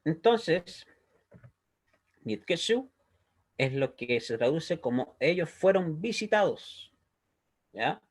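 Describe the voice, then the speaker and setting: A man with a fairly high, expressive voice teaches Hebrew in a recorded lesson, taking things slowly and breaking each point into steps. Patiently, he checks in again and again with "¿ya?".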